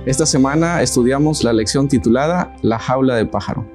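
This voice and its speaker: Wearing a lapel mic on a TV studio set, a Mexican-accented man in his thirties leads a casual Bible study discussion, posing questions to the panel and hesitating often. He speaks fairly quickly at a medium pitch in a slightly mellow voice, with faint music behind.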